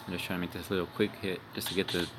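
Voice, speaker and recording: A young man rattles off an informal street-style sermon for a religious video, profane and blunt, dropping "man" and "all right" at the ends of lines. His low voice barely moves in pitch and comes rapid-fire. Music and background noise sit behind him.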